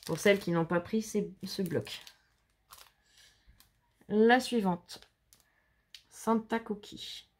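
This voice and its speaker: A woman's voice: mid-range voice, slow, pauses often. A woman from France, hosting a casual show-and-tell of handmade cards at home, chatty and gushing as she talks to her viewers. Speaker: scrapbooking channel host.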